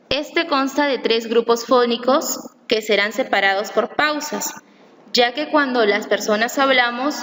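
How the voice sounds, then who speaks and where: A woman reading a scripted lesson aloud, slowly and carefully, stressing each syllable she explains. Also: on the high side, fairly bright tone. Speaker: teacher. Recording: long reverb, faint room noise.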